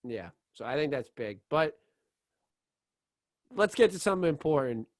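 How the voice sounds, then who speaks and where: A man co-hosting a casual sports podcast, excitable, rambling and full of "like" and restarts. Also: a little high, normal speed, no echo. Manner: excitable, laughs easily. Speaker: podcast co-host.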